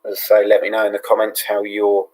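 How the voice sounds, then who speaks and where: Hushed British man, flat husky voice. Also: fairly low pitch, fast, low-quality recording. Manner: speaking hushed, half-whispering; relaxed, with many fillers like um and yeah. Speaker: host of a live fight watch-along. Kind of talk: low-key live fight commentary.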